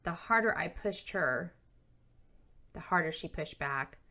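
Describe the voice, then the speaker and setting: A woman with a lowish voice reads her own memoir aloud, steady and earnest. Her delivery is measured and personal, like an author telling a family story. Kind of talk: memoir narration.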